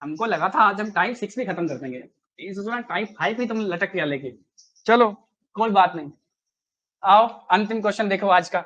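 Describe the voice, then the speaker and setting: A man's voice: sits high, animated, moderate pace, a bit bright, muffled recording. A man teaching a live online maths class, chatty and coaxing, who keeps quizzing his students with rhetorical questions.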